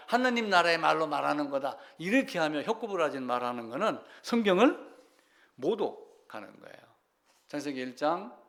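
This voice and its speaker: A man with a slightly high voice preaches a sermon conversationally. As a pastor, he questions the congregation and alternates loud emphasis with quiet asides.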